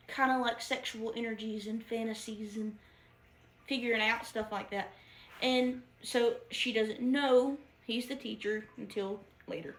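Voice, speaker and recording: A woman's voice: on the high side, a bit bright. Giggly woman chatting in an echoey room. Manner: chatty and giggly, with many fillers and restarts. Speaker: book reviewer. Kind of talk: casual book review chat.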